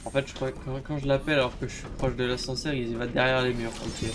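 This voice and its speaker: A man's voice: mid-range voice, level tone, quick pace. A man streaming a video game with casual, playful live commentary, often talking to himself.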